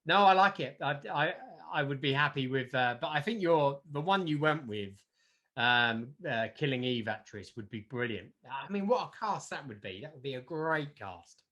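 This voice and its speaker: A man's voice: medium pitch, lively intonation, normal speed, a bit bright. A man co-hosting a podcast, chatting casually and enthusiastically, often trailing off with fillers. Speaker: podcast co-host. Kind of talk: casual chat.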